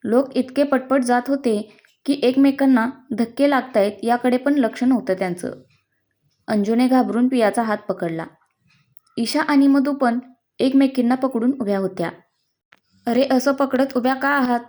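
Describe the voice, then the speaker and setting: Woman storyteller, slightly high voice, reads the whole story herself, scripted narration. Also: normal speed, dark tone. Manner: reads all the characters' lines in her own voice.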